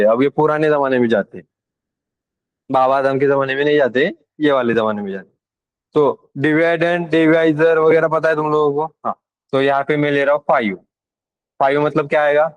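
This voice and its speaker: Teacher, slightly high, dry sound. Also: male voice, steady tone, moderate pace, dry recording, rough recording. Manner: asks the class questions, mixes in English. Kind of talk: classroom lecture.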